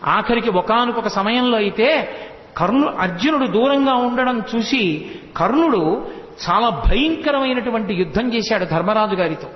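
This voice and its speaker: A man giving a devotional storytelling sermon, animated, chanting verses in a slow sing-song. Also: high voice. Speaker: religious discourse speaker. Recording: dull, echoey hall sound with faint noise.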